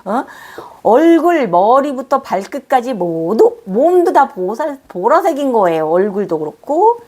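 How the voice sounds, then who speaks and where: A woman host telling viewers about a dream in a casual, animated way, cooing and exclaiming fondly as she explains. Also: fairly high pitch, unhurried. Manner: explains with gestures and repeats phrases. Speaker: spiritual channel host.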